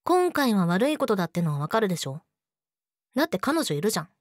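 Woman acting a sweet, eerily obsessive girlfriend, lively pitch. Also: quick pace, no room sound, clean studio sound, close to an everyday voice. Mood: jealous, reproachful. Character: sweet, possessive, jealous young yandere girlfriend. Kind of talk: Japanese situation voice audio drama, addressed to the listener.

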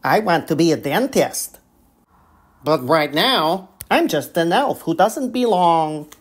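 A gentle young elf who feels out of place, as a woman reader puts him on speaks close to her own voice, slowly and breathily. The pitch moves gently with the words. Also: lively intonation, breathy edge, exaggerated voice. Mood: wistful.

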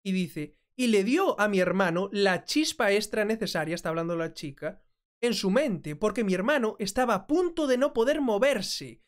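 A woman with a mid-range voice hosts a commentary video, translating clips and reacting to them in a chatty, conversational way. She talks at a moderate pace, sounds animated, and keeps checking in with "¿mm?".

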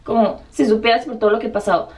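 A young Mexican woman recounts her story for her vlog, her voice sitting slightly high. She keeps it lively, slipping into quoted voices for every exchange. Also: racing. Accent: Mexican Spanish. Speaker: vlogger. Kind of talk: storytelling to camera.

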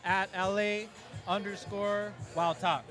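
Upbeat high-voiced male podcast host. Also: steady tone, slow, fairly bright tone, soft background music. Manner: upbeat, joking, wrapping up the show. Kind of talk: casual podcast chat. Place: outdoors at a block party.

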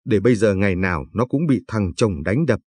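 A man's voice: lowish voice, animated, a little fast, a little mellow, slightly rough, dry recording. A man voicing a kindly old village grandfather in a told story, talking in a patient, advising way.

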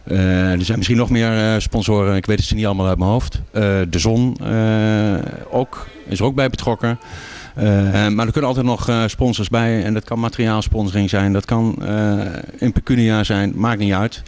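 A man's voice: lowish voice, flat delivery, moderate pace, hardly any pauses, a little mellow. A man in his fifties from a sponsorship committee, speaking steadily and matter-of-factly with fillers in a casual interview. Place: small indoor café. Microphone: handheld microphone.

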